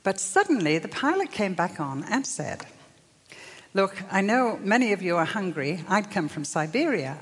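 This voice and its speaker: Older woman preaching with husky animation. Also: lowish voice. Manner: animated, acts out voices in the story. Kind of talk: sermon storytelling. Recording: long hall reverb.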